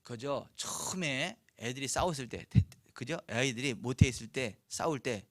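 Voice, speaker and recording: A male pastor preaching a sermon, reading scripture slowly and asking the congregation rhetorical questions. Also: medium pitch, no room sound. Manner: slow, weighty scripture reading.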